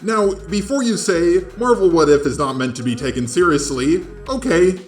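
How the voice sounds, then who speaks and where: A man speaks in a high, expressive voice at a moderate pace, delivering scripted video commentary with emphatic sarcasm and disbelief. He's a video essay host, recorded in a roomy, echoing space with background music playing.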